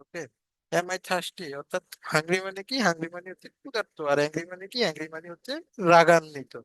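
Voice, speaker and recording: Bright-voiced man teaching English. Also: a little high, steady tone, dry recording, low-quality recording. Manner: slowly repeats English example sentences, then translates them. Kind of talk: spoken English lesson.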